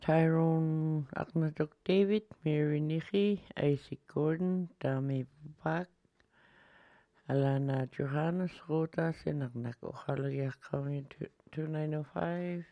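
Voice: medium pitch, a little slow, no echo. Tinny lo-fi radio announcer reading a list. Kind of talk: reading out a list of names and phone numbers. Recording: dull lo-fi radio audio.

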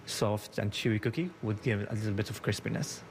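Halting young man. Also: on the low side, steady tone, a little hiss or hum. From Yemen, raised in Saudi Arabia. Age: 20s. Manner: hesitant, halting, with frequent "uh" and restarts. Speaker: bakery founder, guest. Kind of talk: casual interview answers. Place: his bakery kitchen.

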